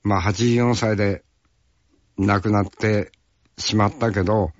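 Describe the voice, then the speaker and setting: A man from Fukuoka, an actor, telling stories from a film shoot in a rough, folksy, chatty way. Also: lowish voice, steady tone, unhurried, no echo, muffled recording. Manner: rough, folksy, peppers speech with tag questions. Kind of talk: casual storytelling reminiscence.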